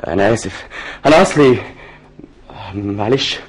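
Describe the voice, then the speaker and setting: Edgy Egyptian brother, husky voice, swings up and down, quick. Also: male voice, lowish voice, animated. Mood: tense. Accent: Egyptian Arabic. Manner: nervous, evasive, snapping. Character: tense jealous young brother, evasive and edgy. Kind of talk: radio drama acting.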